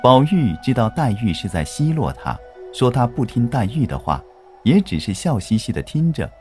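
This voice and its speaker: A man narrating a children's story in an expressive, animated way. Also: mid-range voice, moderate pace, faint music behind.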